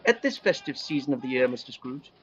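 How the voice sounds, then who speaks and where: A man's voice: mid-range voice, very animated, brisk, a bit bright, a little hiss or hum. Polite Victorian charity collector , played by a man, formal audio drama delivery, lo-fi sound. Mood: courteous. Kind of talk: audio play of a Victorian storybook.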